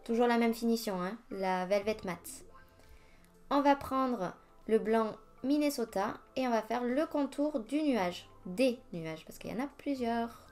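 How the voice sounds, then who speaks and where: Her voice is on the high side, animated and a little mellow, delivered at a measured pace. This nail artist narrates a tutorial step by step, chatting and laughing at her own slips as faint music plays behind her.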